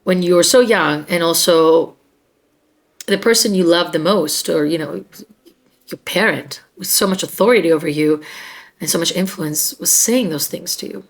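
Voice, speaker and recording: A woman's voice: on the low side, normal speed. A woman hosting a self-help video, speaking directly to the viewer in an earnest, conversational way with frequent fillers. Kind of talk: direct-to-camera educational talk.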